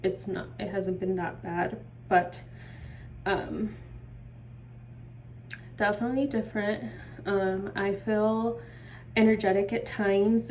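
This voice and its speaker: A woman's voice: medium pitch, darkish tone, far from the mic, a little hiss or hum. A young woman vlogging at home while sick, short of breath and with a sore throat, rambling casually with lots of "like" and "um". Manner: rambling, heavy use of "like" and "um". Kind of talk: casual chat to camera.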